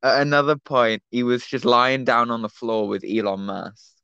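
A man's voice: medium pitch, moderate pace, sharp tone, clean tone, no room sound, lo-fi sound. A teenage man, co-hosting a casual podcast and telling a rambling anecdote with lots of fillers over an online call. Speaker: podcast co-host. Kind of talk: casual chat, storytelling.

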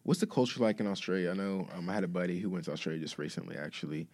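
A man's voice: low-pitched, fairly even intonation, racing, darkish tone. A man hosting an interview, asking curious, friendly questions. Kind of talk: casual interview chat.

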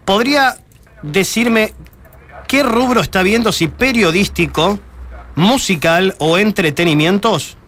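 A man's voice: high-pitched, a little slow, long pauses, a bit bright, slight background noise. A man making a prank phone call, speaking formally and politely and pressing on with questions. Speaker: radio prank caller.

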